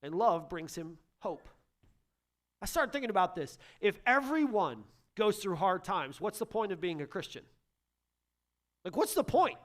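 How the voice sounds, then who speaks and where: A man in his thirties delivers a sermon as a pastor, his voice sitting high for a man. He swings from loud, urgent bursts down to soft, hushed lines. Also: animated, normal speed.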